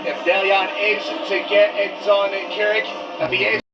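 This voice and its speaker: A man's voice: sits high, monotone, unhurried, distant mic, highs cut off, loud music behind the voice. A man working as play-by-play commentator, giving fluent, informative fight commentary.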